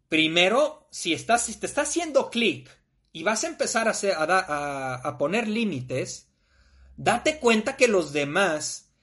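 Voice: medium pitch, a bit bright. A podcast host with a Mexican Spanish accent, talking casually and emphatically, full of slang, sometimes acting out little scenes.

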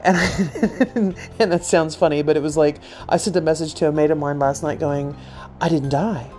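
Woman podcaster, casual storyteller, rambling and self-mocking, slightly lowish voice, faint music underneath. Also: fairly even intonation, normal speed, a little mellow. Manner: rambling, self-deprecating, chatty. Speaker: podcast host.

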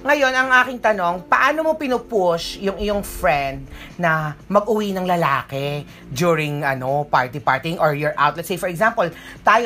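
A woman hosting a casual chat, gossipy and quick to laugh, mixing English into her Filipino. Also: fairly low pitch, fairly bright tone. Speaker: host.

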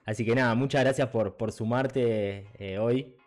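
A man's voice: medium pitch, fairly even intonation, a little slow, darkish tone. A man co-hosting a podcast, friendly and hesitant, with many fillers. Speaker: podcast co-host. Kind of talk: casual podcast chat.

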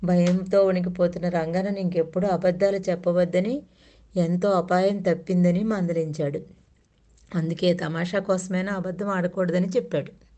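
A woman narrating children's stories in a slow, clear storybook manner. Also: lowish voice, steady tone, dark tone.

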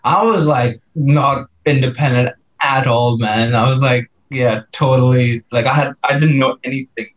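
A man's voice: mid-range voice, normal speed, few pauses, highs cut off. Laid-back young man from India. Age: 20s. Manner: relaxed, laughs often, fillers like "like" and "man". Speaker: guest. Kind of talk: casual chat.

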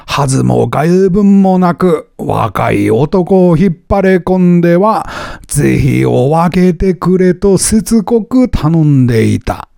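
Slow gravelly male folk tale reader. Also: sits high, warm tone, no room sound, clean studio sound. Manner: measured, deliberate storytelling. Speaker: narrator.

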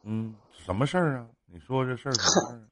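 A man's voice: mid-range voice, animated, racing, crowd noise. A man chatting casually as a livestream advice host, blunt, teasing and often amused. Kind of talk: casual call-in chat. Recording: very noisy live call, clicks.

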